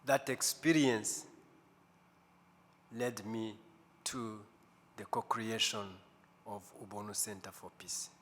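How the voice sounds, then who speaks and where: Slow, bright-voiced man in a church. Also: lowish voice. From Rwanda. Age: 50s. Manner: slow, deliberate, with pauses. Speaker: guest speaker. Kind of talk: testimony talk at a church service. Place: large church sanctuary. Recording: echoey church hall, faint room noise.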